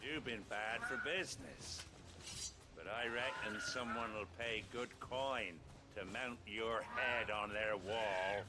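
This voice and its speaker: An actor playing a menacing, crude bandit in a video game, talking in a taunting way. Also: male voice, fairly low pitch, takes it slowly, loud music behind the voice. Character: menacing bandit men, sneering and rough. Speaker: game character. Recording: game audio with loud noise.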